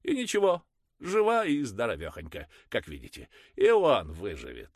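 A man voicing a harsh, pious peasant mother who rants in a high screeching voice. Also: sing-song, a little slow, dry recording, studio quality. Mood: ranting. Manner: screeching, ranting.

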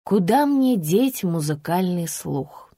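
A woman narrating a humorous story in the first person with expressive, ironic delivery. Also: lowish voice, slow pace, no room sound, clean studio sound. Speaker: audiobook narrator.

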